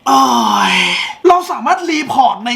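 A woman hosting a comedic clip-reaction show, exclaiming, laughing and shouting as she comments. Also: high-pitched, sing-song, measured pace, over loud music. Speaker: host reacting to clips.

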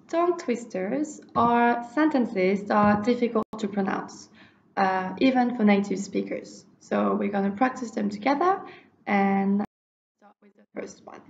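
A woman teaching a language lesson, leading slow, careful pronunciation drills. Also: fairly high pitch, gravelly, roomy sound, muffled recording, slight background noise. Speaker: French teacher.

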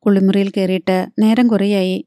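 A woman voicing a worried young man who talks in a hurried, urgent way in an audiobook. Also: medium pitch, flat delivery, warm tone, no room sound, clean studio sound, lightly acted.

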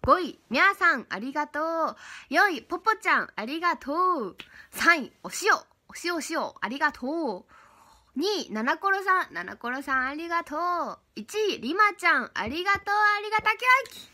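A woman's voice: high-pitched, sing-song, normal speed, pushed and bright. A young woman hosting her own livestream, chatty and giggly, thanking viewers one by one. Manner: chatty, giggly, reads out fan names and thanks. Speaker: idol livestream host. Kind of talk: casual livestream chat.

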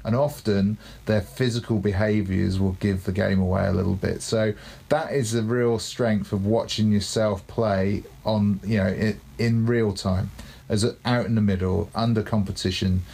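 Man, cricket coach, gravelly voice, thoughtful explaining, podcast chat. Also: lowish voice, fairly even intonation, normal speed, mellow. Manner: thoughtful, explaining, tag questions.

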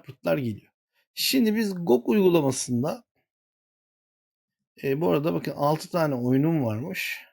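A man's voice: a little high, gravelly, a little mellow. A man hosting a gaming channel, walking viewers through a screen-share tutorial and muttering to himself when he gets flustered.

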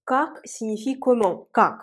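A woman teaching a language lesson, speaking slowly and carefully and repeating example words. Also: fairly high pitch. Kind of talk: Russian lesson for French speakers.

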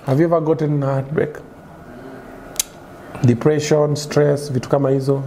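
A man with a Kenyan accent hosting a casual interview, teasing his guest with quick questions in English and Swahili, recorded on a restaurant set. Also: on the high side, flat delivery, dark tone, slight background noise. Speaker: host.

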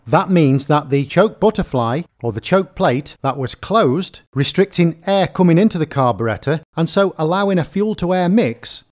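A man's voice: on the high side, a little mellow. A man giving a methodical, step-by-step repair lesson in plain explaining narration. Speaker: repair technician explaining chainsaw faults. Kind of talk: instructional narration.

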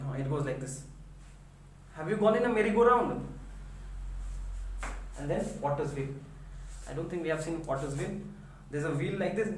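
A woman physics teacher explains a lesson step by step and often asks the class whether it is clear. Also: on the low side, darkish tone, a little hiss or hum. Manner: explains step by step, checks understanding with questions. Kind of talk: recorded online lecture. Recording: echoey room, voice from a distance.

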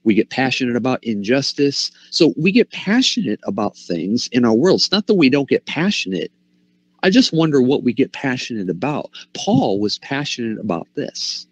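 A man's voice: medium pitch, sing-song, moderate pace, breathy edge, dry recording, muffled recording. A man preaching a passionate sermon, asking the congregation rhetorical questions. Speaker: pastor.

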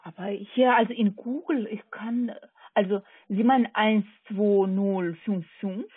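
In this phone sales call, a woman working as a call centre agent speaks non-native German with a foreign accent, German not being her first language, and hesitantly goes back over the order details. Her medium-pitched voice is husky, steady and unhurried. The recording is dry but comes through a tinny, narrowband phone line.

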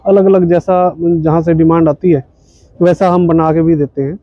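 A footwear company man in his thirties speaks at his indoor exhibition hall stall, patiently explaining the shoes with plenty of fillers and a courteous "ji, sir." His slightly high voice varies little in pitch and keeps a moderate pace, captured in lo-fi sound without echo.

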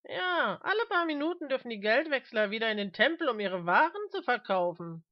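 A woman's voice: fairly high pitch, big pitch swings, fairly quick, no echo, muffled recording, pitched above the performer's own voice. A woman voicing a mocking, malicious older man who sneers and giggles.

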